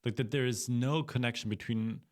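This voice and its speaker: A man giving unscripted reaction commentary, halting and dismissive as he picks apart claims. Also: mid-range voice.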